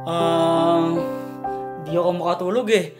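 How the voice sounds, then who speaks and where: A woman voicing a doting father who speaks gently and affectionately to his daughter. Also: on the low side, steady tone, takes it slowly, over music. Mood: tender. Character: caring, doting father, adult man. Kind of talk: animated story voice acting.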